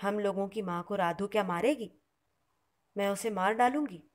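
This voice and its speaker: A woman's voice: mid-range voice, normal speed, lightly acted. A woman reading as an indignant, protective disciple.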